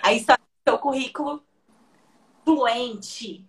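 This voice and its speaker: A young adult woman with a Brazilian accent, a guest telling a lively story in casual chat, often laughing and acting out what people said. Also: a little high, drawn-out words. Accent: Brazilian Portuguese. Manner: lively, laughs often, acts out quoted dialogue. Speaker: interview guest.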